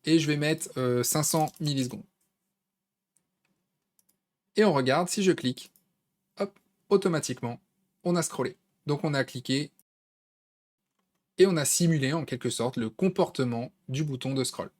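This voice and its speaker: A man's voice: fairly high pitch, moderate pace, a little mellow. A man with a French accent walking viewers through a design tool in a casual, conversational screen-recorded tutorial, with plenty of fillers. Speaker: tutorial host.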